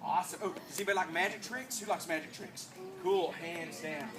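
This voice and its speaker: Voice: mid-range voice, a little fast. A children's entertainer hosting a live show like a kids' party magician, with playful, coaxing call-and-response patter and clownish mock surprise. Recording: noisy live room full of children. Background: loud crowd of children, ambient noise.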